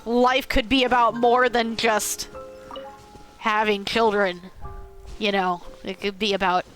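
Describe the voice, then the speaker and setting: A woman's voice: medium pitch, little pitch movement, takes it slowly, fairly bright tone, faint music behind. A woman streaming a story game, making casual, joking commentary and often laughing.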